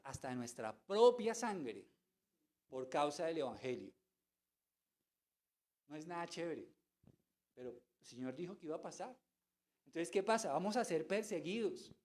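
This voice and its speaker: A man's voice: a little high, darkish tone. A man preaching a sermon as pastor, asking rhetorical questions and mimicking voices. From Colombia.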